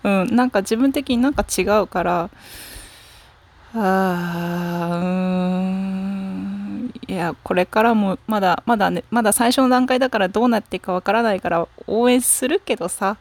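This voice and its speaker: A woman's voice: medium pitch, fast, few pauses. A woman musing aloud in a casual solo talk, rambling and frank, stopping often to correct herself and trailing off into fillers. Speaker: solo talk show host. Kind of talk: casual solo fan chat. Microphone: smartphone app recording.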